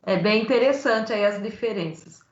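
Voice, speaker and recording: A woman's voice: medium pitch, moderate pace. A woman teacher moderating a live panel, asking long winding questions. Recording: echoey lo-fi room audio.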